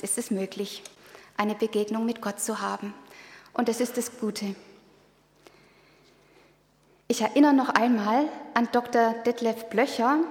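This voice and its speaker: A woman presenting in a church service, addressing the congregation in a calm, earnest, explaining way. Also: on the high side. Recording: long reverb of a hall.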